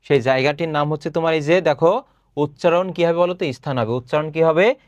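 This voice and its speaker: A young man teaching a recorded online class, explaining step by step, asking questions and answering them himself, and clearing his throat often. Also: a little high, quick pace, no room sound, muffled recording.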